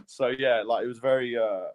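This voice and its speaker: A young man from Lithuania with a British accent, a fighter telling his story in a casual podcast interview, rambling and laid-back with lots of fillers. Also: mid-range voice. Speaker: mixed martial arts fighter, guest.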